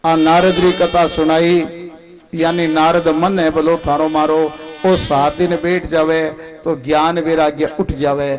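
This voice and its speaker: A man with a Rajasthani accent telling a devotional story as a sermon, lively and calling on his listeners to answer. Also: fairly high pitch, measured pace, soft background music. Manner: lively, calls on listeners to respond. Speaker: religious storyteller.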